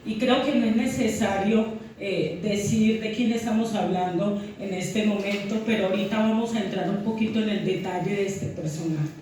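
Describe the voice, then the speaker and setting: A woman preaching to her congregation and stopping to put questions to them. Her voice of middle pitch comes from some way off the mic and rings through a hall full of echo. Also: fairly even intonation, normal speed, few pauses, mellow, slight background noise. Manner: teaching, asks congregation questions. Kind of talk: sermon. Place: church. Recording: echoey church hall, mic from far off.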